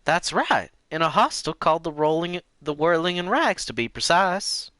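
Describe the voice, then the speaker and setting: A man's voice: a little high, sing-song, moderate pace, sharp tone, dry recording, studio quality, voice pushed up. A man putting on the voice of a kindly, chatty elderly woman in a game playthrough. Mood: coaxing.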